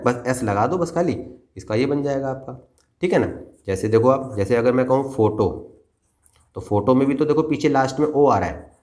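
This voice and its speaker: Patient man teaching grammar to children. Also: mid-range voice. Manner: patient, repetitive, checks understanding often. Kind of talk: explaining a grammar lesson to children.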